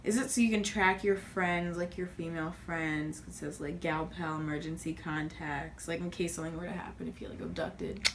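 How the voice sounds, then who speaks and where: A woman's voice: sits low, fairly even intonation, normal speed, hardly any pauses, noisy background. An eighteen-year-old woman student speaking casually and tentatively.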